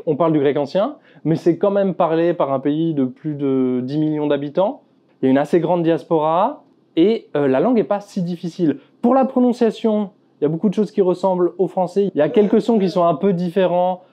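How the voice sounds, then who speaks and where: A relaxed man with a fairly high voice gives casual ranking commentary as a video host. He sounds candid and easygoing, and the audio is muffled and lo-fi. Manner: laid-back and candid, frank asides. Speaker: language YouTuber. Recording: dull lo-fi sound.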